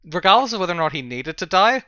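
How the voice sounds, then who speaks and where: Bright, clear-voiced man running a tabletop game. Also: high-pitched, very animated, no echo, lo-fi sound. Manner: halting, searching for words as he improvises descriptions. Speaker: game master. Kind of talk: narrating a tabletop role-playing game.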